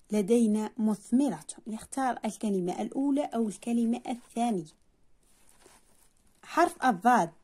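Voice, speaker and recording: Patient, husky-voiced woman teacher. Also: a little high, a little mellow. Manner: patient, stretches out words and sounds to demonstrate. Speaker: primary school teacher. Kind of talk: explaining a lesson.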